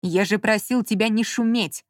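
Женщина читает за ворчливого мужчину. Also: female voice, medium pitch, fairly even intonation, normal speed, dry recording, clean studio sound, natural voice. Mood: irritated. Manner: grumbling, irritable, muttering. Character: grumpy man absorbed in work, snappish. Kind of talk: audiobook character reading.

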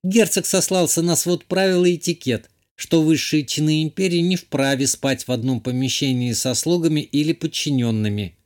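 A wry, matter-of-fact baroness delivers her news with dry calm, as a male audiobook reader raises his pitch to play her. Her lines sit above the reader's own voice. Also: normal speed, few pauses, close to an everyday voice.

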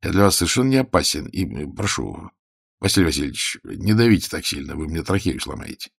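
A man voicing a calm, ironic gentleman detective who speaks in a dry, composed way. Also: sits low, fast talker, creaky, husky, full character voice.

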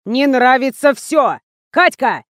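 A loud, explosive little man bellows orders and insults at his crew, drawn-out and bullying, as a woman narrator puts him on. The voice sits high and the recording is dry and close. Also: lively intonation, no echo. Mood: yelling. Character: fat little bossy male ad producer.

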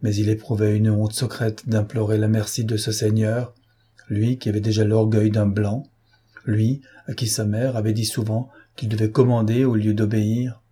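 A man narrating a literary audiobook with a measured, expressive reading. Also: lowish voice, husky.

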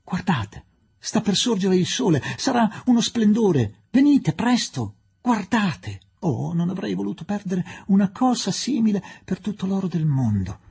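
A man's voice: high-pitched, sing-song, unhurried, creaky, a little mellow, breathy edge, pitched above the performer's own voice, heavily acted. A man voicing an eager young English woman who exclaims breathlessly in a raised voice. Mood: excited.

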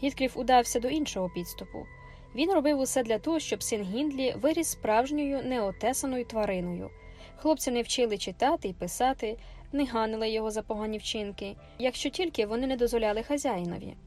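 Жінка-оповідачка з виразним читанням. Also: female voice, on the high side, faint music behind. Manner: measured, expressive storytelling. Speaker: audiobook narrator. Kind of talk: scripted literary narration.

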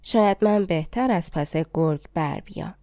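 A woman's voice: fairly low pitch, mellow, dry recording, studio quality, close to an everyday voice. A woman voicing a young, determined princess who speaks earnestly. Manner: earnest, resolute.

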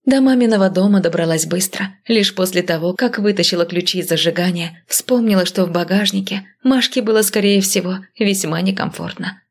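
A woman reading a first-person audiobook in an even, measured storytelling manner. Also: mid-range voice. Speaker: audiobook narrator.

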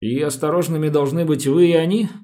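A man voicing a calm, businesslike male police detective who asks polite, measured questions in an audiobook. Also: fairly high pitch, pitched above the performer's own voice, lightly acted. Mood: questioning.

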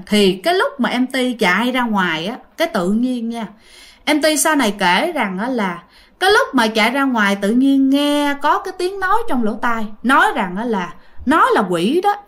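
Talking straight to her audience, a woman with a Southern Vietnamese accent spins a ghost story in a relaxed, chatty manner. Her voice is fairly high-pitched and fairly bright.

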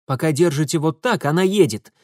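A man's voice: fairly high pitch, a little fast, a little mellow, no room sound, clean studio sound, pitched above the performer's own voice, natural voice. A man voicing a curt, commanding young man. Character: brusque young man, decisive and impatient. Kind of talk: audiobook character voice.

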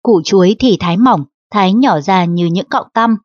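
Woman reading an audiobook, steady even delivery, dry close sound, kinda lo-fi. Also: mid-range voice, moderate pace, dry recording. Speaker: audiobook narrator. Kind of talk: audiobook reading of a historical novel. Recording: dull lo-fi audiobook recording.

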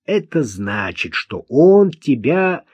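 A man voicing a calm, patient man who questions a witness firmly, in an audiobook. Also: medium pitch, breathy edge, dry recording, exaggerated voice. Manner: measured, firm, patient. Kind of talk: audiobook character voice. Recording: dull dry lo-fi recording.

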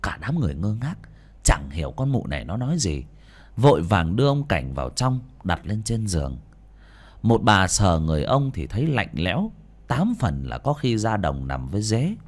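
A man's voice: on the low side, normal speed. A man narrating an audiobook story dramatically. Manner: dramatic, expressive.

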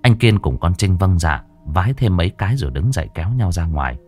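A man's voice: low voice, animated, a little fast, a little mellow. A man narrating a scripted ghost story in a dramatic, lingering way.

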